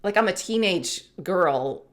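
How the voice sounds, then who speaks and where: Chatty woman in her forties, candid vlogger talk, slightly low voice. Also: expressive, takes it slowly. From United States. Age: 40s. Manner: chatty, candid, laughs often. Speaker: YouTuber. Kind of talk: casual talk to camera.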